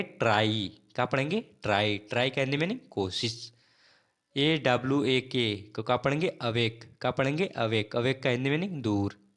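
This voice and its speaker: A man's voice: mid-range voice, fairly bright tone. A man teaching English spelling and pronunciation, who spells each word out letter by letter and repeats it as a drill.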